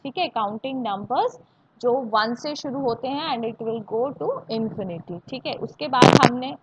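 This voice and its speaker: Indian woman, maths teacher, slightly high voice, repeats and quizzes, dull lo-fi mic. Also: lively intonation, unhurried. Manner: repeats points and asks students check questions, mixing Hindi and English. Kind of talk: live online class teaching. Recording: dull lo-fi audio with faint hiss.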